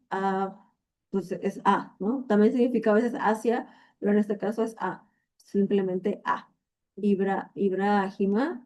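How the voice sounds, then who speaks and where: Woman from Latin America, teacher, slow and mellow, checks in often with "¿no?". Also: medium pitch. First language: Spanish. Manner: thinks aloud with fillers, checks in with "¿no?". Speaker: Quran Arabic teacher. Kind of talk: explaining Arabic vocabulary in a lesson.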